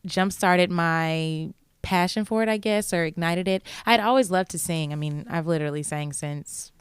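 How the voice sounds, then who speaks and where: Bubbly twenty-something woman, very clear voice. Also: on the low side, normal speed, no room sound. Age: 20s. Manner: bubbly, chatty, laughs often. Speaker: singer and guest. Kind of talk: casual chat.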